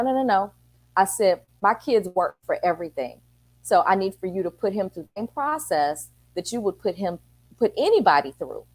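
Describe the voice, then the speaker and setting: A woman's voice: lowish voice, darkish tone. A middle-aged woman, a city council member and parent, talking earnestly on a talk show and acting out the exchanges she quotes. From Texas.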